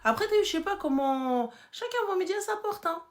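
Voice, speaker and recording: A woman hosting a casual live chat, playful and teasing, swinging between loud outbursts and hushed whispers. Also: very high voice, animated, fairly quick. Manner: playful, teasing, mixes French with Arabic. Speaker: live stream host.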